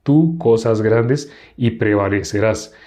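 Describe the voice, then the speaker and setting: A man reading the part of Saul, an older king who is remorseful and pleading, in a slow, drawn-out way. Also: on the low side, warm tone.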